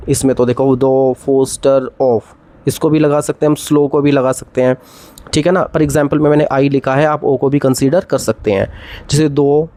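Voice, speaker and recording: A man with a slightly high, slightly mellow voice teaches English literature, giving a classroom lecture on poetic devices. He explains them step by step, reads poem lines aloud slowly, and frequently checks that his students are keeping up.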